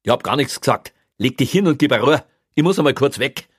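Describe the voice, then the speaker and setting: A man playing a lazy village policeman, curt and dismissive, his voice a little raised and husky. The recording is dry. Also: mid-range voice, a little fast, a bit bright, no room sound, pitched above the performer's own voice. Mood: coaxing. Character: gruff, lazy small-town male police officer.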